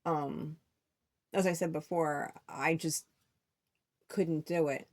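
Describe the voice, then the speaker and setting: A woman's voice: low-pitched, steady tone, slow, a little mellow. A middle-aged woman telling a personal story in a rambling vlog monologue, repeating words and acting out what friends said. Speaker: vlogger.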